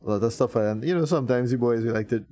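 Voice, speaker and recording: A man in his thirties, a band member chatting as a guest in a relaxed, chuckling way. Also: mid-range voice, quick pace. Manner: laid-back, chuckling, lots of fillers. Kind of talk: casual interview chat.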